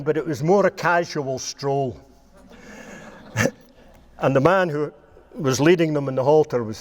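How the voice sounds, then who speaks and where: A man's voice: on the high side, big-room sound. An older Scottish man giving a rambling, humorous talk to a live audience about his years as a cattle judge, laughing at his own jokes as he goes. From Scotland.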